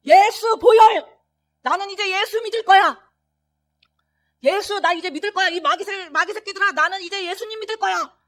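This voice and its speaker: A woman voicing a gravely ill old man who yells defiantly and curses at demons around his bed. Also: very high voice, fairly even intonation, rapid-fire, hardly any pauses, dry recording, voice pushed up, heavily acted. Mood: triumphant. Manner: defiant, cursing, yelling.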